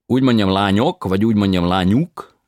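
A man voicing an expatriate male opera tenor who speaks in halting, broken grammar, slowly and emphatically, in an audiobook reading. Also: fairly low pitch, darkish tone, dry recording, clean studio sound, voice pushed up, lightly acted. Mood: earnest, eager.

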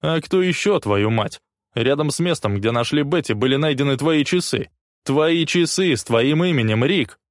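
A man voicing a furious male police detective who snarls his accusations in a hoarse voice. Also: on the high side, animated, moderate pace, no echo, clean studio sound, voice pushed up. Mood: accusing.

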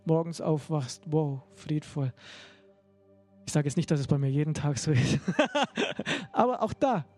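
A man's voice: a little fast, few pauses, soft background music. A man preaching a sermon to a congregation in a conversational way, often checking in with "ja?" and rising to emphatic peaks. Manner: conversational, peppered with "ja?"; rising to emphatic, excited pitch.

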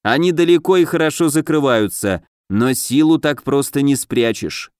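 A man voicing a fretful male house spirit who chatters quickly when excited. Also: medium pitch, clean tone, no echo, clean studio sound, natural voice. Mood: strained.

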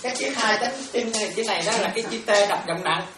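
Nun teaching from far off. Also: female voice, medium pitch, fast. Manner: repetitive, keeps checking if students follow. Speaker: Buddhist monastic teacher. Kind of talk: dharma class explaining Pali terms. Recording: echoey room from far off, ambient noise.

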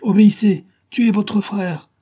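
A man reading an audiobook, voicing a savage adult male gang henchman who barks loud, threatening commands. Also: a little high, moderate pace, pitched above the performer's own voice, natural voice. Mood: furious.

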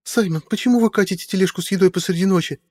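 A man reading a storybook voices a young woman, nervous and suspicious, with high questioning speech. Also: racing, dark tone, big-room sound, close to an everyday voice.

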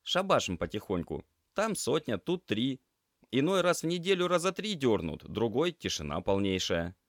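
A man's voice: mid-range voice, big pitch swings, moderate pace, vocal fry, dry recording, studio quality, pitched above the performer's own voice. A man voicing a cheeky joking tomcat student. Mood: teasing. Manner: teasing, boisterous. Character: cheeky young male cat student, joker.

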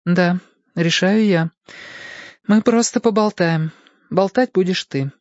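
A man reading a novel aloud, voicing a quiet, melancholy Danish woman who speaks softly and flatly. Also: lowish voice, slow, no echo, muffled recording, pitched above the performer's own voice. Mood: decisive. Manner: flat, toneless; softly whispered. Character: quiet, sad Danish woman in her prime.

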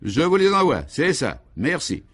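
A man's voice: a little high, huge pitch swings, fairly bright tone, voice pushed up, full character voice. A man putting on a fussy, raised-voice police prefect. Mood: obliging. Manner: brisk, ingratiating, overly polite. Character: fussy, self-satisfied male police prefect. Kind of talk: vintage radio play acting.

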